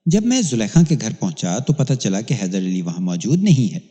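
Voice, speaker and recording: A man narrating a crime thriller in the first person, measured and expressive. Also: on the low side. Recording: long hall reverb.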